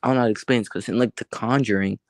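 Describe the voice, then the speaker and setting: A man hosting a casual livestream chat, rambling and halting with many fillers and restarts. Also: fairly low pitch, steady tone, dry recording. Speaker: livestream host.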